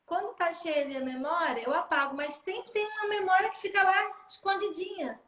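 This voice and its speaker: High-voiced mother in an echoey room. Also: moderate pace, fairly bright tone. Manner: chatty, uses everyday comparisons. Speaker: mother, conversation partner. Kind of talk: casual chat.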